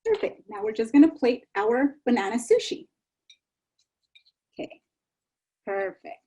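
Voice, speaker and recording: A woman's voice: on the high side, big pitch swings, a little slow, warm tone. A woman giving a live online cooking demonstration in a chatty, reassuring way over a video call. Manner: chatty, reassuring, repeats herself. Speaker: enrichment instructor.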